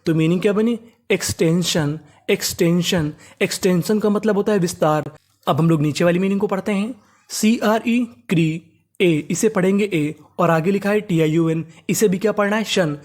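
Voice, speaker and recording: A man teaching a reading class. He spells words out letter by letter, repeats them slowly, and keeps asking the class rhetorical questions. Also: high voice, a little mellow. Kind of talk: classroom-style reading lesson.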